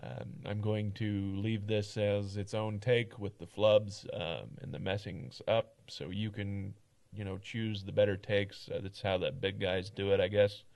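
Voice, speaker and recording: A man's voice: lowish voice, little pitch movement, measured pace, gravelly, few pauses, darkish tone. A man recording casual notes for a voice audition, hesitant and full of uhs and ums. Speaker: amateur voice actor auditioning.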